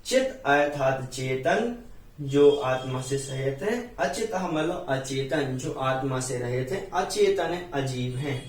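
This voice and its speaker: A man with a Hindi accent teaching a Sanskrit hymn, explaining each word and chanting the verses slowly. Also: mid-range voice, lively intonation. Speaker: Jain scripture teacher. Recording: roomy echo, distant from mic.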